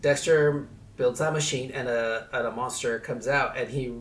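A man's voice: medium pitch, steady tone, moderate pace, a little hiss or hum. Podcast co-host, man, thirties, loose rambly delivery full of "you know", recorded in a roomy echoey space. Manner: rambling, filler-heavy. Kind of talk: casual chat.

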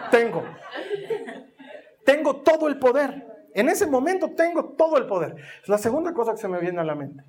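High-voiced man preaching emphatically. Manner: emphatic, animated storytelling; rhetorical questions to the congregation. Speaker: pastor. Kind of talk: sermon.

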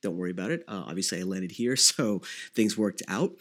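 A man's voice: low-pitched, a little fast, a bit bright. A man in his thirties from the Philippines hosting his podcast alone, answering listener questions in a conversational way with many fillers and restarts. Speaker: podcast host. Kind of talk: solo podcast Q&A.

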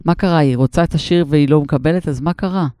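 An emphatic woman co-hosts a chatty podcast, pressing her side of the argument. Her voice is smooth and clean, recorded dry and close. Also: low voice, dark tone, no room sound. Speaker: podcast co-host. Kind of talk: casual podcast debate.

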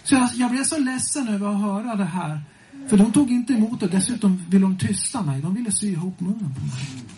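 A man telling a lively testimony to a congregation as a preacher, swinging between hushed and loud and often chuckling. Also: high voice, poor audio. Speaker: preacher and singer.

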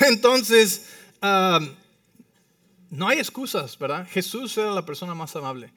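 A pastor preaches a sermon in a church sanctuary, mixing humorous stories with frequent tag questions that check in with the congregation. His voice is on the high side and fairly bright, picked up from far off the mic with no echo.

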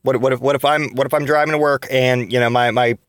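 A man's voice: mid-range voice, steady tone, quick pace, dry recording, studio quality. A man in his thirties hosting a solo podcast, venting in frustration with frequent restarts and swearing. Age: 30s. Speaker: podcast host.

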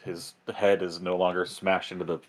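A man with a very deep voice plays at a tabletop game. He describes his character's moves plainly and drops dry, wry comments. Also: flat delivery, normal speed. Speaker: player. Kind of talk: casual tabletop play.

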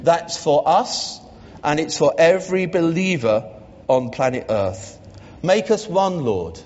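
A man's voice: a little high, animated, slow, darkish tone. Earnest man preaching in a hall. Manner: earnest, emphatic preaching with call-and-response. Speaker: pastor. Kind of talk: sermon. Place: church hall. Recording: muffled echoey church hall.

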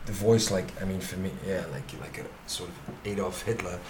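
A man from Europe talks as a guest, his very deep voice halting and full of hesitations. The room echoes, and a clear layer of background noise runs beneath him. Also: little pitch movement. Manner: hesitant, halting, lots of uh and restarts. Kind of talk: casual chat.

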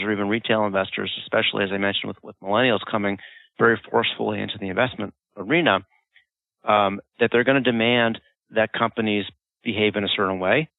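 Low-voiced male host on a phone-like line. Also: no room sound. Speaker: podcast host. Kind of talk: conversational discussion of investing. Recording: muffled phone-like line, dry.

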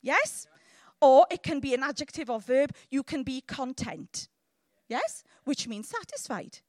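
A woman with a south Wales accent preaches in a high, swooping voice with very little room echo. She is informal and animated, teasing the congregation and often throwing short questions at them to keep them engaged. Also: measured pace, clean studio sound. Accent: south Wales Welsh. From Llanelli, south Wales. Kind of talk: lively informal sermon to a congregation.

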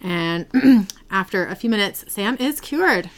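A woman retelling a TV episode in a relaxed podcast chat, with lively, swooping pitch and a chatty, giggly way of telling it. She sounds animated and casual, with her pitch in a middle range. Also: takes it slowly. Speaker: podcast host recapping a TV episode.

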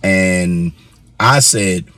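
A man's voice: deep voice, very slow, bright, forceful tone, no room sound. A man co-hosting a casual vlog from inside a car, laid-back and joking. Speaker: vlog co-host. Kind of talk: casual chat.

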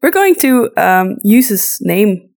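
A native Flemish Dutch speaker co-hosting a podcast talks slowly in a sing-song, medium-pitched voice with a darkish tone. Her mixed European accent falls between British and American, and her casual conversation wanders as she thinks aloud and repeats words.

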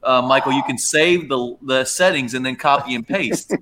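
A man's voice: medium pitch, normal speed, a loud crowd. A man in his thirties hosting a casual group chat on a live stream, joking loosely and stumbling over his words. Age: 30s. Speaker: podcast host.

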